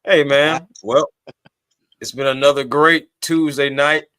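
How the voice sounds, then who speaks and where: A man's voice: on the high side, steady tone, unhurried, pushed and bright, clear, resonant tone, no room sound. A man hosting a casual sports talk livestream from a home mic on a video call, upbeat as he closes out the show and gives his predictions. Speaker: podcast host.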